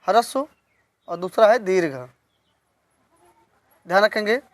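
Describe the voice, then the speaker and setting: A woman teaching a lesson on poetics, slowly repeating key terms and asking questions that she then answers herself. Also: mid-range voice, dry recording. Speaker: Hindi literature teacher. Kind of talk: online exam-prep lesson.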